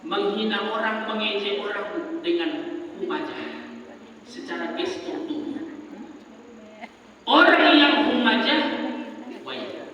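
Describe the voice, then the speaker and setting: High bright-voiced male preacher in echoey hall. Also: a little hiss or hum. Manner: asks himself rhetorical questions and answers them; chants verses in a drawn-out melodic tone. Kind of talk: sermon to a women's study group. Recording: echoey hall, distant dull mic.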